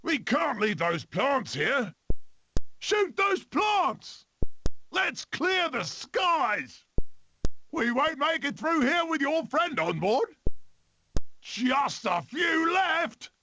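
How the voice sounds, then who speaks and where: A man voicing an eccentric swashbuckling weasel adventurer in a cartoon game, with a gravelly voice and theatrical, manic delivery. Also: very high voice, big pitch swings, very slow, sharp tone, a little hiss or hum, full character voice. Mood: battle frenzy.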